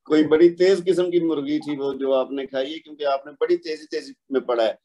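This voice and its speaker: Man, recitation teacher, high voice, patient, drawn-out demonstrations, video call. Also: fairly even intonation, mellow. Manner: patient, explains slowly, demonstrates stretched recitation syllable by syllable. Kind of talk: online tajweed class instruction.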